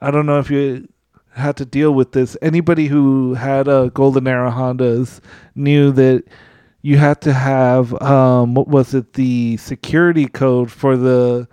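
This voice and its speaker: A male podcast host chats at an unhurried, slow pace, relaxed and quick to laugh. His voice is smooth and clear. The sound is dry and close. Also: medium pitch, no echo. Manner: relaxed, frequent backchannel and laughter. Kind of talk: casual podcast chat.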